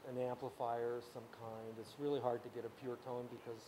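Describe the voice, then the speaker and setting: Against a noisy background, a man with a Ukrainian-speaking background teaches a casual workshop class on sound in a camp's workshop room. This music teacher talks briskly in a level, mid-range voice, rambling through long explanations with lots of restarts, fillers, and "you know"s.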